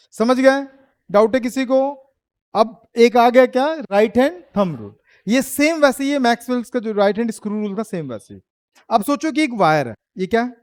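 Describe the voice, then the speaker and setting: High-voiced teasing classroom teacher. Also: male voice, a little mellow, no echo. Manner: teasing, quizzing students, laughs often. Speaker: physics teacher. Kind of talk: classroom lecture.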